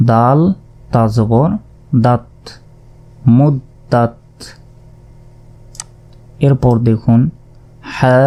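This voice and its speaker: A man teaching Quran reading, spelling out letters and vowel marks one by one and repeating syllables in a calm lesson. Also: medium pitch. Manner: calm, repetitive syllable drilling.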